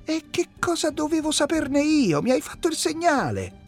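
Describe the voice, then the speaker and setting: A man's voice: very high-pitched, very animated, normal speed, gravelly, faint music behind, pitched above the performer's own voice, heavily acted. A man reading aloud and voicing a dim, hot-headed young Roman petty thug who protests indignantly.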